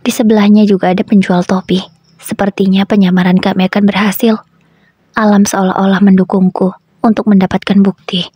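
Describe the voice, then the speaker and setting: Husky woman telling a story. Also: mid-range voice, little pitch movement, brisk, warm tone, no room sound. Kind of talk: first-person story narration.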